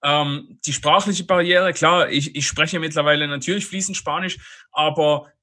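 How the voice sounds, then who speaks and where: A man from Switzerland with a Swiss German accent, talking as a podcast guest. His voice is bright and slightly higher than most men's. He speaks loosely, with many fillers and frequent laughter. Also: steady tone, normal speed. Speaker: guest, online marketer. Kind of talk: casual podcast interview.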